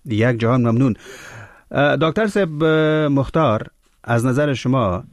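A man hosting a radio interview, asking polite, probing questions with drawn-out hesitations. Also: mid-range voice, lively intonation, no echo, studio quality. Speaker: radio host.

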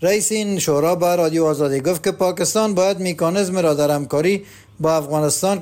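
A man with an Afghan Dari accent reading the news in a formal, measured scripted delivery. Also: fairly high pitch, a little mellow. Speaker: newsreader.

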